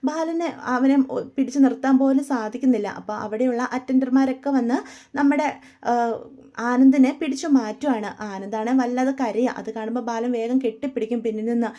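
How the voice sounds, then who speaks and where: Woman retelling a soap plot, high mellow voice, chatty, kinda dull lo-fi sound. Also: a little fast. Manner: chatty, keeps adding "you know" tags. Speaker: narrator retelling a TV serial. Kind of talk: casual storytelling. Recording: dull lo-fi recording.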